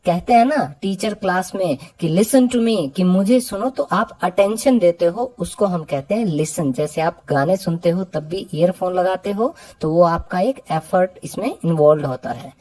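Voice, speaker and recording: A woman teaching English verbs, repeating each example sentence slowly and clearly. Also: lowish voice, dark tone, rough recording. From India. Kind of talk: slow lesson explaining English verbs in Hindi.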